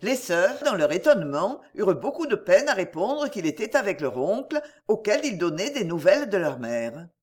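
A woman narrating a classic novel aloud in an expressive, measured reading. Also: medium pitch, slightly rough. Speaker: audiobook narrator.

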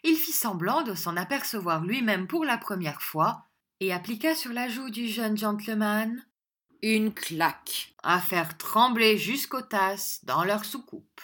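A woman narrating a classic novel aloud in steady, measured storytelling. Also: medium pitch. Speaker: audiobook narrator.

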